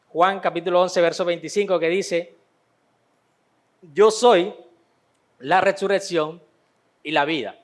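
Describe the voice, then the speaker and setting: High-voiced man teaching a Bible class. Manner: conversational, repeats phrases for emphasis.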